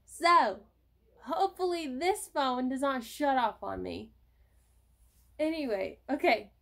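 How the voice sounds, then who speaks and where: A woman's voice: high-pitched, animated, slow pace, vocal fry, fairly bright tone. A young woman vlogging to camera on her phone, chatting in a rambling, casual way with the odd swear word. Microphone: cell phone.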